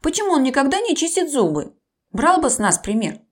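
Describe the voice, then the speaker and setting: A cheeky monkey from a children's tale, voiced by a woman. She sneers and sniffs at others in a snide tone, with a fairly high voice. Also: very animated, fairly quick. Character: cheeky, mocking female monkey.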